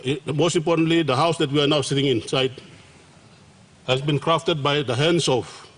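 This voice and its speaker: A man with a Papua New Guinean accent giving a formal, measured and halting parliamentary speech as a government minister. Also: a little high, steady tone.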